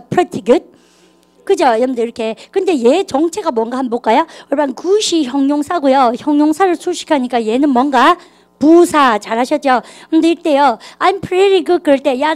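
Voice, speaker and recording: A woman teaching an English grammar class, lively and coaxing students to repeat phrases aloud. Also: high voice. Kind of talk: classroom lecture.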